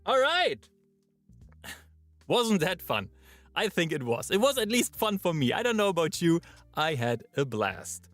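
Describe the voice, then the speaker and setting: A male voice actor, chatting and thinking out loud during a live-streamed recording session in his booth. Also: on the high side, sing-song, unhurried, dry recording, faint music behind. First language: German. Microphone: booth microphone.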